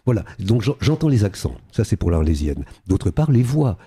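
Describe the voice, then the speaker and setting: A man's voice: fairly low pitch, very animated, normal speed, dark tone, breathy edge. An older man, an actor being interviewed on radio, talking animatedly and slipping into character voices now and then. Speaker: guest actor.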